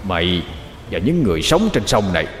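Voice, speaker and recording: A cruel male water demon taunts his victims with slow, sinister menace, as a male storyteller puts him on. His pitch swings widely as he gloats. Soft music hums faintly underneath. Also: sing-song, echoey room, big-room sound. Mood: taunting.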